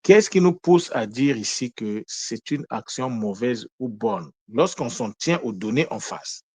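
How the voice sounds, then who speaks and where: Man, lesson on word meanings, deliberate, self-questioning, corrects himself, dry sound. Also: mid-range voice, expressive, a little mellow, husky, no echo. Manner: deliberate, asks himself questions and answers them; corrects himself mid-sentence. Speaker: teacher of Kikongo word meanings. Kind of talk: explanatory lesson talk.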